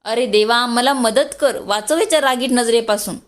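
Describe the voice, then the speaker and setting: A cheerful, teasing elder brother in an audio story, as a woman narrator puts him on. The voice sits a little high and stays light and friendly. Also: normal speed, lightly acted. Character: elder brother, a jovial grown man.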